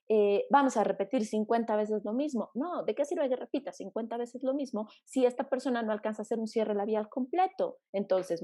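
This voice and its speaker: A woman's voice: on the high side, vocal fry, dark tone. A woman speech therapist teaching an online class, emphatic and repetitive, asking and answering her own questions. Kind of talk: online lecture.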